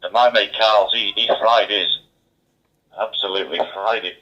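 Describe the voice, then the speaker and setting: A man chats casually as an amateur radio operator from a mobile station, heard over two-way digital radio. His voice is on the low side and sharp, with fairly even intonation and a moderate pace, and the transmission sounds dull and band-limited.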